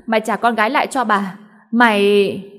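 A woman's voice: mid-range voice, steady tone, moderate pace, close to an everyday voice. A woman voicing a scheming older mother-in-law who shrieks, wails and curses. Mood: furious. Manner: shrieking, wailing and cursing.

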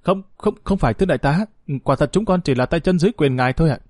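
A man voicing a frightened male henchman who pleads for mercy in a higher, strained voice. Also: expressive, fast talker, darkish tone, dry recording, studio quality. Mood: pleading.

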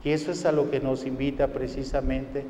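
A man with a Mexican Spanish accent preaching a sermon at a retreat, swinging from hushed to loud and acting out quoted prayers. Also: medium pitch, level tone, fairly quick, a little hiss or hum. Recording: roomy hall with long reverb.

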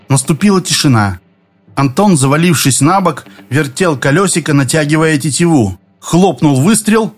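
Male audiobook narrator, faint music. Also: fairly high pitch.

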